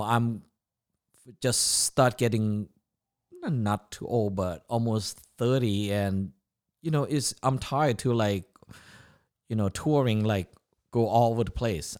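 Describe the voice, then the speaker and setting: Speaking as a podcast guest, this Thai chef in his fifties casually recounts his own story. The voice is on the low side and somewhat dark, with a Thai accent and non-native English grammar.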